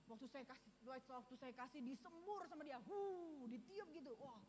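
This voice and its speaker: Quick high-pitched young woman preaching, lively stories, echoey church hall. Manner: storytelling with acted quotes, rising to fervent exhortation. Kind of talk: sermon.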